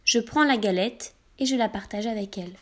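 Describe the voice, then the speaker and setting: A woman reading a children's storybook in the first person, animated and acting out every emotion. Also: medium pitch, brisk. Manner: animated, acts out emotions as a girl.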